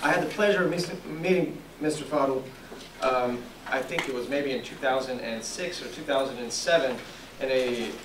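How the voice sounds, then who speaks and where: A man's voice: mid-range voice, normal speed. Hesitant young man introducing a speaker. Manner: hesitant, with frequent "um" and self-corrections. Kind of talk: formal introduction. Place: lecture room, indoors, at a podium. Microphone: handheld mic. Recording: echoey room, distant camera mic, audible noise.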